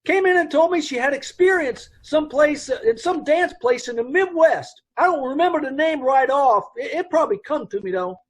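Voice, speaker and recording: This man's anxious middle-aged dance hall owner rambles with tangled grammar, sounding uneasy like a character from old-time radio. The high voice swings widely with lively intonation, running a little fast with few pauses.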